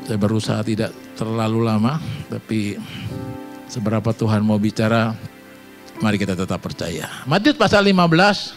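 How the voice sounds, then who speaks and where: A man preaching a sermon in church, shifting from quiet talk to loud, emphatic calls and acting out quotes in slangy banter. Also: fairly low pitch, animated, moderate pace, over music. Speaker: pastor. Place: church hall.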